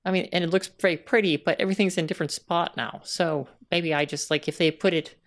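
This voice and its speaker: A woman talking in casual conversation, hesitant and halting, with many restarts. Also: lowish voice, steady tone. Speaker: guest.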